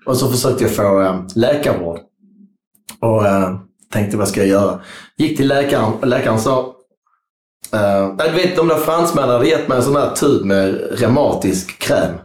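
A man's voice: mid-range voice, lively intonation, echoey room. A man telling a long story in casual interview chat, rambling and swearing freely. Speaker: guest.

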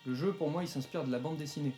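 A man co-hosting a casual chat about retro games, quick to add and correct details. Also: fairly high pitch, warm tone, faint music behind. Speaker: co-host.

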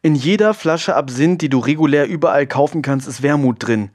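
A man's voice: on the high side, a little fast, darkish tone, voice pushed up, lightly acted. A man voicing a blunt, matter-of-fact young woman who is into witchcraft. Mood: lecturing.

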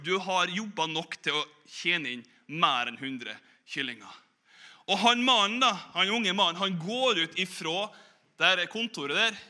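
A man preaching in a church, telling a story in a lively, chatty way and asking the audience questions. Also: high-pitched. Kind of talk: storytelling sermon.

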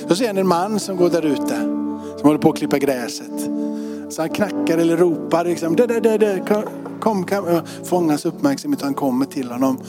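A man leads a church service prayer with a fervent, rhythmic way of repeating his lines. His voice sits a little high for a man, and music plays clearly beneath him throughout the recording. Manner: fervent, repetitive prayer cadence. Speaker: pastor. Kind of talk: closing prayer and sermon story. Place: church sanctuary. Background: music playing under the voice.

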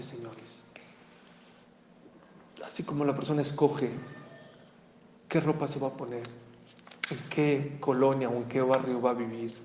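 A man's voice: mid-range voice, darkish tone, a little hiss or hum. A man giving a sermon as a rabbi, asking rhetorical questions and rising to emphatic outbursts. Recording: echoey hall, faint ambience.

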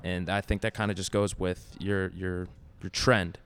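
A man's voice: sits low, little pitch movement, clear, resonant tone. A man hosting a casual podcast chat, joking and firing off questions. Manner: joking, rapid-fire questions. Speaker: podcast host.

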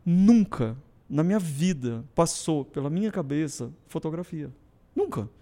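A man's voice: fairly high pitch, unhurried, creaky. A middle-aged man from southern Brazil, a photographer telling his story in a casual interview and acting out quoted dialogue. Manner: animated, acts out quoted dialogue. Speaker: guest photographer.

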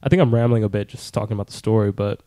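Young male host, mellow tone, loose rambling film talk, dry close mic. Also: fairly low pitch, fairly even intonation, very fast, no room sound. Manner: rambling, laid-back, swears casually. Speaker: podcast host. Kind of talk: casual film review chat.

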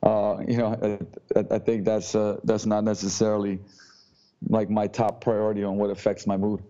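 A man from Slovenia, a gym owner speaking as a podcast guest in a halting way, often repeating words before going on. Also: on the low side, flat delivery, warm tone. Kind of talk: casual interview talk. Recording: dull lo-fi audio.

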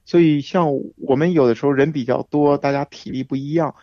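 A man as the guest on a radio talk show, explaining things in a measured way with frequent fillers. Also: fairly high pitch, fairly even intonation, no echo, muffled recording. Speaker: guest hiking expert. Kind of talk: casual radio interview.

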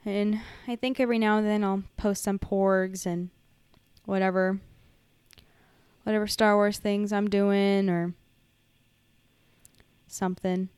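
A woman's voice: medium pitch, slow, long pauses, smooth, dry recording. Woman with a dry, close podcast voice. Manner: sarcastic, animated, slips into a hyped announcer voice when reading. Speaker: podcast co-host. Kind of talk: casual chat. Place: home podcast setup.

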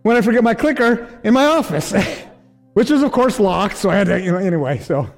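An older man preaching a relaxed, chatty sermon as pastor, a little out of breath, self-deprecating and quick to laugh. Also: high-pitched, soft background music. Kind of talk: casual sermon. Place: church sanctuary.

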